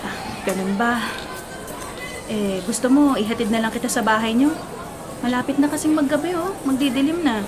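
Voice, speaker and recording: A Filipino-accented woman voices a gentle, concerned schoolteacher of young children in a radio drama, caring and orderly as she instructs. She speaks at a normal speed with frequent pauses, her fairly high voice close to how she'd normally talk, over music and crowd noise in a clearly noisy setting.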